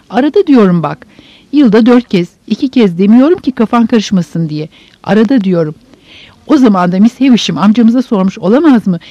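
In a dull, dry audiobook recording, a woman voices a bossy, sharp-tongued older sister who sarcastically scolds and nags. Her medium-pitched voice has no echo and sounds close to an everyday voice.

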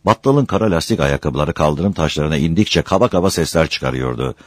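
A male narrator reads an old village tale aloud in a deep, freely rising and falling voice, unhurried and expressive. It's recorded close and dry, with no room sound or echo.

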